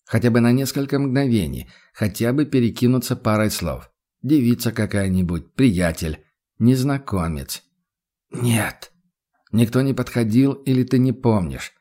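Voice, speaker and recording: Man playing a calm stern inquisitor. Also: mid-range voice, unhurried, natural voice. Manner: restrained, level, insistent questioning.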